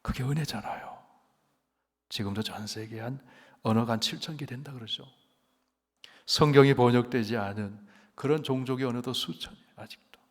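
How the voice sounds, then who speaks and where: A man's voice: mid-range voice, normal speed, long pauses. Fervent male pastor preaching in a reverberant hall. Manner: dynamic preaching, loud urgent peaks and hushed near-whispers; leads the congregation in call-and-response repetition. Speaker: senior pastor. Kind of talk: sermon. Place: large church sanctuary. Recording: long church hall reverb.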